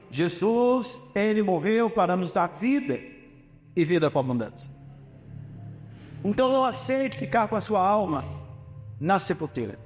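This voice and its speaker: A Brazilian man preaching a sermon in a notably high voice, pressing his points with rhetorical questions. His words ring out with the long reverb of a church hall. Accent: Brazilian Portuguese. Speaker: pastor. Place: church sanctuary.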